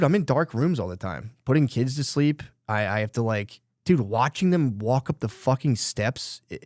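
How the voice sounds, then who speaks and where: A man's voice: medium pitch, dry recording, clean studio sound. A man co-hosting a podcast, talking in a rambling, self-deprecating way, swearing casually and saying "dude" often. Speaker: podcast co-host.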